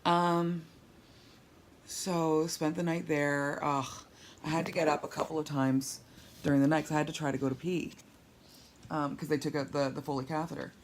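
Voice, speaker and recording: Speaking quickly in a low, steady voice, a woman recovering from surgery vlogs at home, weak and sore but candid and wry as she rambles. The tablet she films on is held overhead while she lies down, and there's slight background noise.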